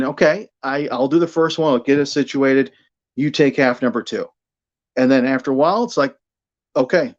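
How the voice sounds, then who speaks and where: On lo-fi audio, a middle-aged American man from Buffalo, New York, speaks at medium pitch with a slightly mellow tone. He's a radio sports broadcaster appearing as an interview guest, chatting casually about his work and often repeating words while he thinks.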